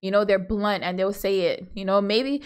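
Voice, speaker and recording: Her voice mid-range, clear and resonant, the woman from Hawaii keeps a moderate pace on the laid-back podcast she hosts with her husband. She offers opinions in a rambling way, peppered with asides and filler words.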